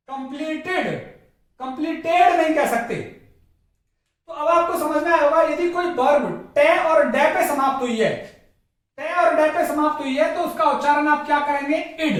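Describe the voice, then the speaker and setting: A man's voice: very high voice, a bit bright. A man teaching English pronunciation in a classroom-style lesson. He drills each word by repeating it, and he asks questions and then answers them himself. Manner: drills words by repetition, asks and answers his own questions. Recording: echoey room, mic far off.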